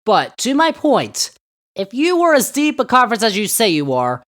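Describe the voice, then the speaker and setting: A man's voice: very high-pitched, wildly swooping pitch, moderate pace, fairly bright tone. A man hosting a solo sports podcast, talking sarcastically and throwing rhetorical questions at his listeners. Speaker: podcast host.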